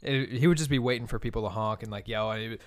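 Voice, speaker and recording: A man's voice: fairly low pitch, rapid-fire, no echo, clean studio sound. A man co-hosting a podcast, chatting casually and often stumbling over his words. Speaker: podcast co-host. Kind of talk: casual chat.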